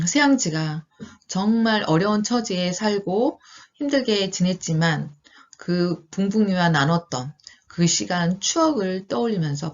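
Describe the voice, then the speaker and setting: Lively-voiced woman teacher reading aloud. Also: on the low side, muffled recording. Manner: gentle, questioning teacher talk with many pauses and fillers. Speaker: elementary school teacher.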